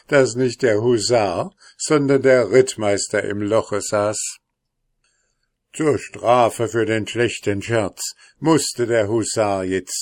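A man reading a fairy tale aloud in a slow, measured way. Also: lowish voice, dry recording, studio quality. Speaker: narrator.

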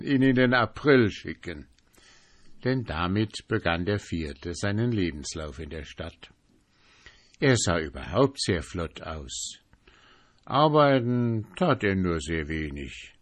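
A man reading a fairy tale aloud in a calm, measured way. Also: deep voice. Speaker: narrator. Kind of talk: storybook reading.

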